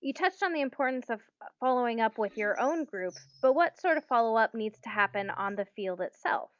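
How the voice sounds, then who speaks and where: A woman's voice: a little high, expressive, moderate pace, a bit bright, muffled recording. A woman moderating a webinar, politely reading audience questions with a few hesitations.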